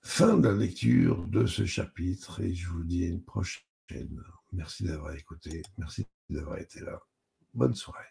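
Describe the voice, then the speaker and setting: A man reading a story aloud with measured, expressive narration. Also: sits low, vocal fry. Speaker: reader.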